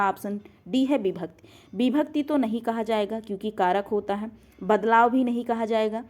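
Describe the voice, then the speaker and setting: Female teacher, slightly high voice, walks viewers through quiz answers and repeats them as questions. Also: darkish tone. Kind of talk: grammar lesson going through quiz questions.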